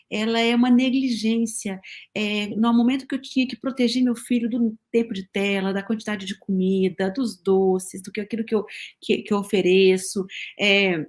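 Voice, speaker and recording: A woman with a Brazilian Portuguese accent, a guest in an interview, explaining ideas carefully and defining her terms. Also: a little high. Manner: thoughtful, defines terms, restarts phrases. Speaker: sleep consultant guest.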